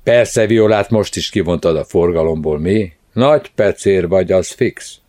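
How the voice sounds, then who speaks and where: A man's voice: low voice, close to an everyday voice. A man doing a brash, jovial buddy. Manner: loud, backslapping banter. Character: brash jovial male friend, crude and teasing.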